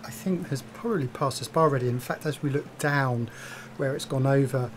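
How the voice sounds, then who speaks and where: Here a fifty-something sailing vlogger offers laid-back, chatty commentary to the camera from a sailboat deck outdoors. He wears a small clip-on mic, and background noise comes through. His voice sits at medium pitch and moves a little fast.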